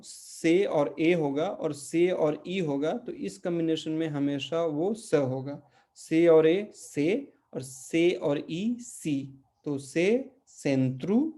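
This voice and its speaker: A middle-aged man teaches a pronunciation lesson with a patient, repetitive manner. His voice sits a little high yet sounds warm and mellow. He often pauses to check that the class is following. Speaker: Portuguese teacher. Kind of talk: online language lesson in Hindi.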